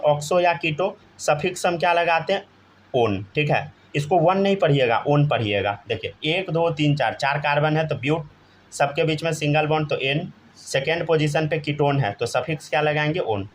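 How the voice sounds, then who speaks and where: A man's voice: on the high side, slight background noise. A man teaching a chemistry class, constantly prompting students to answer and checking they follow. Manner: keeps asking students to answer, often says "theek hai". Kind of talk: live classroom lesson.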